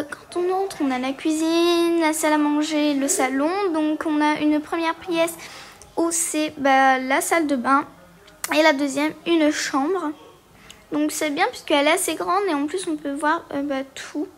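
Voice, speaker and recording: Playing through a game on video, a woman from Portugal offers chatty, uncertain remarks full of filler words. Her high voice keeps a fairly even intonation and moves at a measured pace.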